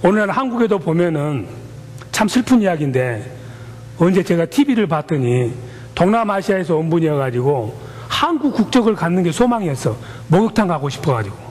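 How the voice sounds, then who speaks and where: Cast: a male pastor, chatty and animated sermon, echoey hall. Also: on the high side, a little fast. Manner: colloquial, animated storytelling.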